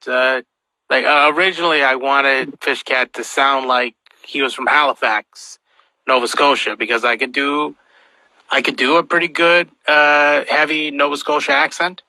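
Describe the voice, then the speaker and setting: A man's voice: mid-range voice, bright, forceful tone, no room sound, low-quality recording. A man, a guest voice actor, chatting casually on a podcast, rambling with lots of fillers.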